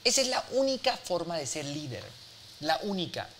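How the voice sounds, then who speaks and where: A man in his forties giving a live mentoring talk, blunt and forceful, swearing freely and checking in with the audience. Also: a little high, big pitch swings, normal speed, a little hiss or hum. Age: 40s. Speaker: business speaker and mentor.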